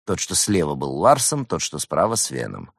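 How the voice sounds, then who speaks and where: A man's voice: very deep voice, wildly swooping pitch, normal speed, vocal fry, slightly rough, dry recording, studio quality. A man narrating an audiobook story expressively.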